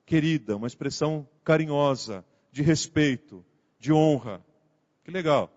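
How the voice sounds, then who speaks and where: A man's voice: a little high, measured pace, a little mellow. A male pastor giving a conversational sermon, acting out the quoted dialogue as he goes. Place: church sanctuary. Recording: muffled sound with long hall reverb.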